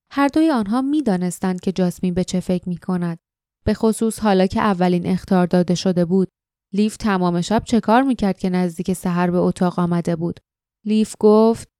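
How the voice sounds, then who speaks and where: Woman, audiobook narration, smooth resonant voice, steady measured pace, dry close sound. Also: medium pitch, no echo.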